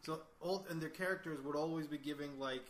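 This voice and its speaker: A man's voice: a little high, steady tone, a little fast. A man chatting casually about films on a podcast, laughing often and talking with fillers and restarts. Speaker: podcast host. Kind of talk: casual chat. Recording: roomy, faint ambient noise.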